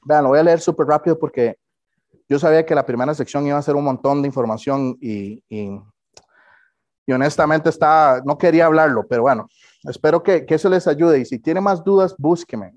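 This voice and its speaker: A man's voice: a little high, darkish tone. Conversational male preacher, muffled recording. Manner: conversational preaching with direct questions to the congregation. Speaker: pastor. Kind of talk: sermon.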